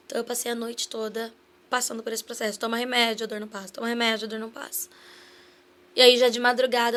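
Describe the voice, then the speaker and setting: A woman with a Brazilian Portuguese accent, appearing as a podcast guest, earnestly shares a personal testimony in a casual interview, acting out dialogue she remembers. Her voice is a little high and a bit bright, with slight background noise.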